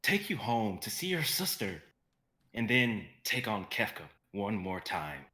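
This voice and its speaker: A man performs an earnest male fantasy hero, determined, impassioned, and resolute. His voice is bright, forceful, and on the low side, with big pitch swings and an exaggerated quality. He delivers it in a halting, pleading stage-reading style.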